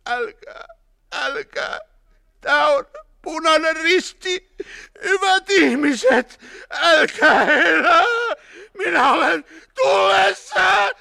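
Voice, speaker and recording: A man's voice: very high-pitched, very animated, creaky, bright, forceful tone, dry recording, studio quality, pitched above the performer's own voice, full character voice. A man voicing a wounded soldier trapped in a burning vehicle, screaming and crying for help in panic. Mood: screaming, desperate.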